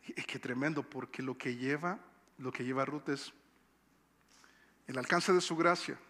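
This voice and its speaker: A man's voice: mid-range voice, moderate pace, pushed and bright. A male pastor with a Colombian Bogotá accent, preaching a conversational sermon and repeating phrases for emphasis. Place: church sanctuary. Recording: long church-hall reverb.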